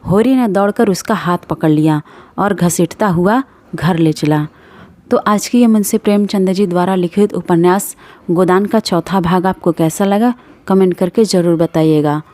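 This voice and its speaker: A woman storyteller giving a steady, expressive scripted reading of a classic novel. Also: lowish voice, moderate pace.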